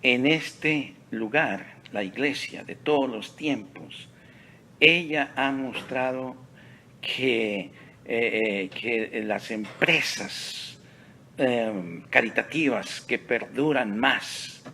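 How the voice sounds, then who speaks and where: A man preaches from the pulpit of a church sanctuary in a slow, deliberate cadence. His voice is bright and forward. Some phrases fall to near-whispers and others swell to emphatic peaks, over a faint room ambience. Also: mid-range voice, slight background noise. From Texas. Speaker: pastor. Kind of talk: sermon.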